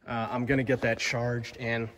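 A man's voice: medium pitch, flat delivery, normal speed, a bit bright. Young man vlogging in an echoing cavern. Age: young adult. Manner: chatty, amazed, lots of fillers. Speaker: explorer vlogger. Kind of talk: casual exploring vlog. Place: abandoned stone quarry cavern. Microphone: phone held at arm's length. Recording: long cavern reverb.

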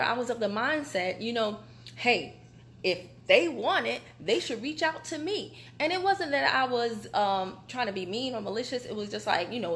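A woman's voice: fairly high pitch, a little hiss or hum. A woman, a small business owner chatting candidly on a live phone video while standing on a vibration machine, so her voice shakes as if she is talking into a fan. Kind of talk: casual live video talk. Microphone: phone camera.

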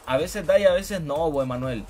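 A young man talks loosely through a live game stream, greeting viewers by name and calling them brother. His voice sits a little high. Loud game music plays behind him. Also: animated, brisk. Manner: chatty, greets viewers by name, calls them bro and hermano. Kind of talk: casual live gaming commentary.

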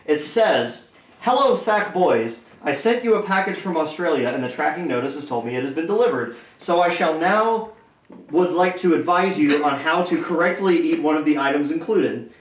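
A man co-hosting a podcast, reading a fan letter aloud in a casual, slightly halting way in a home kitchen. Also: a little high, expressive, slight background noise. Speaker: podcast co-host. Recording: echoey room.

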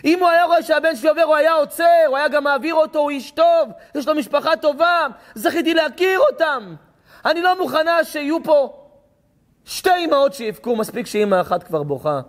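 A rabbi delivering a sermon, telling stories with passion, acting out dialogue and rising to shouts at times. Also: male voice, very high-pitched.

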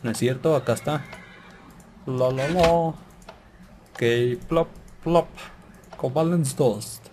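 A man's voice: mid-range voice, slow pace, pauses often, a little mellow, a little hiss or hum. A man hosting a gaming channel, playfully talking through his Minecraft session and humming sound effects. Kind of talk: Minecraft let's play commentary.

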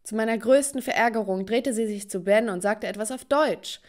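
A woman's voice: a little high, moderate pace. Woman narrating a dramatic story. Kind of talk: scripted first-person story narration.

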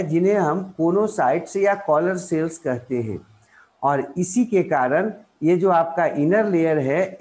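A man's voice: fairly high pitch, darkish tone. A man with an Indian accent teaching a biology lesson. He asks questions and answers them himself, with many fillers and restarts. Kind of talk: explanatory lecture in Hindi.

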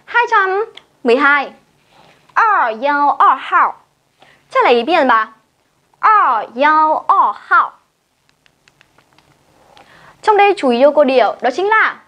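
A woman's voice: high voice, a bit bright. A woman teacher with a Vietnamese accent giving a video lesson, explaining step by step and leading learners through repeated drills. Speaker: Chinese language teacher. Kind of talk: classroom-style video lesson.

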